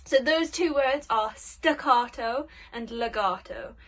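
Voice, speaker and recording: A woman singing teacher giving spoken warm-up instructions, explaining simply and encouragingly, step by step, as if for children. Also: on the high side, takes it slowly, slight background noise.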